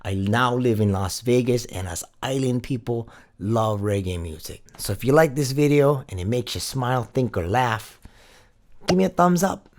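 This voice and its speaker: A man's voice: medium pitch, animated, moderate pace. A man from Hawaii doing a casual fitness vlog, with a sarcastic, exasperated tone. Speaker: fitness vlogger.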